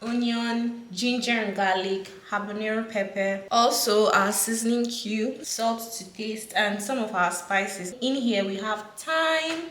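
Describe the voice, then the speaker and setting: A woman's voice: medium pitch, unhurried, hardly any pauses, a bit bright. A young woman chats in a rambling, easygoing way, full of "like" and "basically", as she cooks. Her voice sits in the middle range and sounds distant from the camera in a very echoey kitchen. Dishes and pans clatter faintly in the background. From Nigeria. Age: young adult. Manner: chatty, rambling, many "like" and "basically". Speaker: guest, university student. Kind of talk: casual interview while cooking. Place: home kitchen. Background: cutlery and pans clattering.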